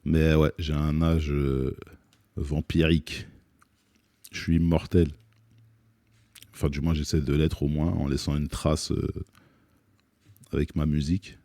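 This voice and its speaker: Very deep-voiced man, dark and dry. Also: little pitch movement, measured pace, pauses often, no echo. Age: 30s. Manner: hesitant, many fillers and restarts, joking. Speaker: rapper guest on a live music stream. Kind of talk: relaxed live Q&A chat. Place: studio set.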